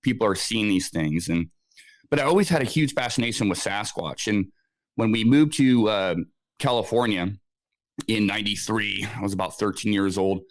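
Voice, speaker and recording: Here the same kind of speaker, a Scotland-born guest researcher in his forties, rambles through a casual interview story full of fillers and false starts. He has a lowish voice at a moderate pace, with no echo.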